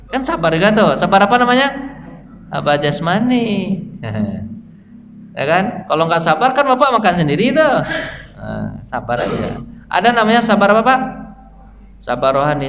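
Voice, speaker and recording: Indonesian male preacher, casual and joking, mid-high voice, faint room hum, echoing mosque. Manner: lively, quizzing the congregation, joking. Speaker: ustadz giving a dawn mosque study talk. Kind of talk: casual sermon. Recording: reverberant mosque hall, faint ambience.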